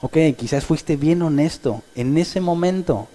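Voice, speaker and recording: A male pastor delivering a sermon, animated, acting out quoted voices of his congregation. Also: a little high, unhurried.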